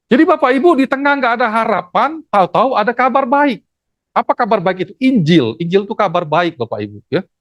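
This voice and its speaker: A theology lecturer giving a lively classroom lecture, acting out stories and asking the class questions. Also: mid-range voice, moderate pace, no room sound. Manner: animated, acts out stories, asks the class questions.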